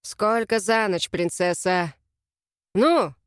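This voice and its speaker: A woman voicing a menacing, drunken male werewolf alpha with a hoarse, growling voice in an audiobook. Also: fairly low pitch, slow pace, a bit bright, dry recording, clean studio sound, voice pushed down. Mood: gruff drunken.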